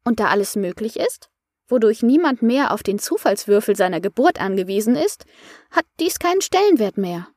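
A woman reading an audiobook voices a calm female coach who soothes and explains. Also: on the high side, moderate pace, dry recording, studio quality. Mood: lecturing.

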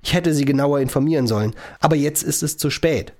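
A stern, irritable professor who lectures and gives commands, his voice pushed higher and louder than a plain speaking voice, as a man puts him on for a storybook reading. He talks sharply and lets nobody interrupt. The voice has a gravelly edge. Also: a little fast, natural voice. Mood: lecturing. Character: stern irritable male professor, time-travel inventor.

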